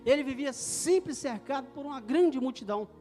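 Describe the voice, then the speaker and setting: Middle-aged male preacher, very high voice, fervent sermon delivery in an echoey hall with music under. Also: animated, moderate pace. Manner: fervent, swelling to loud declarations.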